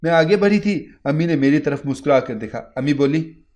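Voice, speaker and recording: A man's voice: a little high, lively intonation, a little mellow. Man narrating a moral story. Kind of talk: scripted first-person story narration.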